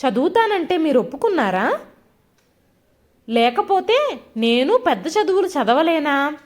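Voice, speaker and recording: A woman's voice: sits high, big pitch swings, measured pace. A woman voicing a timid young wife who answers her husband hesitantly and with hurt, in a storybook reading. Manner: hesitant, pleading.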